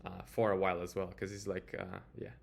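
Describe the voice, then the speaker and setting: Speaking fast in a somewhat low, creaky voice with a completely flat delivery, a Portuguese-accented developer presents an informal software tutorial over slight background noise. He shares his screen, hesitating and padding his sentences with fillers.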